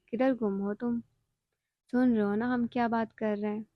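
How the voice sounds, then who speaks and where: A woman's voice: a little high, steady tone, dry recording, dull audio, lightly acted. A woman voicing a stern middle-aged father who speaks angrily and commandingly. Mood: angry. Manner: angry, commanding.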